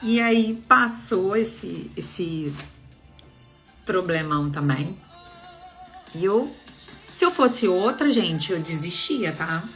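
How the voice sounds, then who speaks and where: Animated woman telling a story. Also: lowish voice, takes it slowly, pauses often, soft background music. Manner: animated, expressive, laughs while telling. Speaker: vlogger sharing a personal story. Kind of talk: casual storytelling to viewers.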